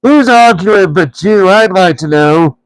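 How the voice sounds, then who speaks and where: A man's voice: sits high, animated, measured pace, fairly bright tone, smooth, no room sound, voice pushed up, poor audio. A man reading aloud and voicing quarrelsome brutish trolls in a storybook. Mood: squabbling.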